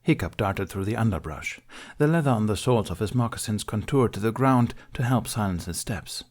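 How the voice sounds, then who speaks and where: A man with a fairly low voice narrates an adventure story for an audiobook. His scripted storytelling is expressive and fairly quick.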